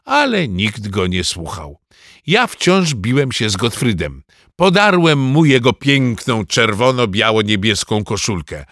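A man reading a children's story aloud in a lively first-person boy narrator's manner. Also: fairly low pitch, unhurried, dry recording, clean studio sound. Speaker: audiobook narrator.

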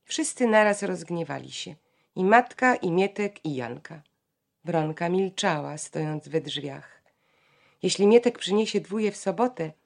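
A woman narrating a literary audiobook in a measured, expressive reading. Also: deep voice, creaky.

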